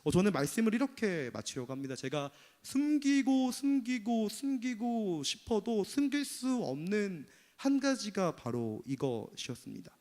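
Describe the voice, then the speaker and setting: High-voiced pastor preaching in a reverberant church. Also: male voice, big pitch swings, measured pace, hardly any pauses, a little mellow. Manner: earnest confessional preaching. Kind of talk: sermon. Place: church sanctuary. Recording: long church hall reverb.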